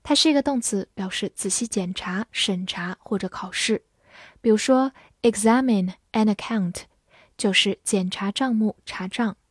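A woman teaching English vocabulary in a patient lesson, spelling words out letter by letter and reading example sentences slowly for learners. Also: medium pitch, husky, dry recording, clean studio sound. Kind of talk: vocabulary lesson, explaining in Chinese.

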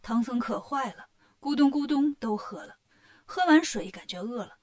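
A woman's voice: fairly high pitch, expressive, normal speed. Woman telling a children's story.

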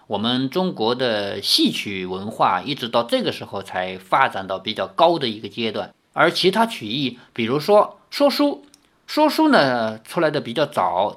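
A man reading a novel aloud and breaking off for relaxed, chatty commentary. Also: medium pitch. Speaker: audiobook reader.

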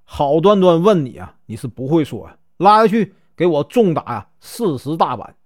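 A man's voice: on the high side, sing-song, normal speed. A man voicing a stern male county magistrate who scolds and gives orders in a storybook tale. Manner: scolding, commanding.

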